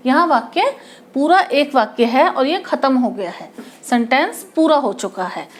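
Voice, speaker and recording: A woman's voice: high-pitched, lively intonation, a little slow. A woman teacher explaining a grammar lesson, asking her class questions and restating each term in simpler words. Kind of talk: Hindi grammar lesson at a board.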